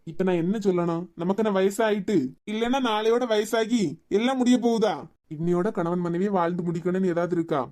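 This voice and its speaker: A woman voicing a patient, teasing young husband in a cartoon web series, with a Kanyakumari Tamil accent and a fast, coaxing way of talking. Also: medium pitch, warm tone, lightly acted.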